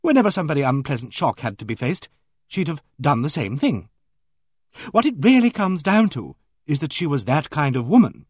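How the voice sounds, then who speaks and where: A frank, plain-spoken older vicar's wife, as a male audiobook reader puts her on. She states hard things flatly and without fuss, her voice lifting now and then. The sound is dry and close. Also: medium pitch, breathy edge, dry recording. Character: blunt, elderly clergyman's wife.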